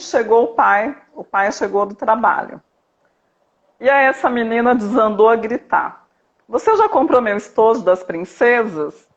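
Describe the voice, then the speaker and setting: A woman family coach calmly explaining parenting in a live video chat, checking in often with her listener. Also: fairly high pitch. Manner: calm, didactic, checks in with "tá?". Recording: dull lo-fi live stream audio.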